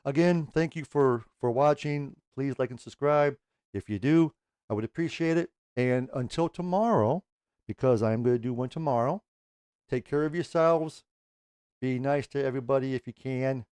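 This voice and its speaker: A man's voice: mid-range voice, moderate pace, darkish tone, clean tone, dry recording. Rambling middle-aged man, casual host. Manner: rambling, self-correcting, swears casually, talks with his hands. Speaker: music reaction channel host. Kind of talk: casual chat to camera.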